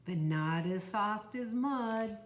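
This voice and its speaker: A woman voicing a small runaway farm pig who loves mud, in a slightly lower, plain storybook voice. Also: expressive, slow. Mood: musing. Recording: roomy echo, faint noise.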